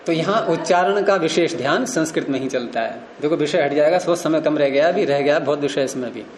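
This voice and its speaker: Male grammar teacher, fairly high voice, quizzing students, roomy echo. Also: a little fast, a little hiss or hum. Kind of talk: classroom teaching.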